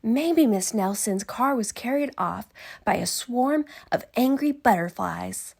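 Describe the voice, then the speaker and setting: A woman voicing excitable, naughty young schoolchildren in a storybook, exclaiming their lines. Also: fairly high pitch, a little slow, gravelly, slightly rough, voice pushed up, exaggerated voice. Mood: guessing eagerly. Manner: exclaiming, crying out.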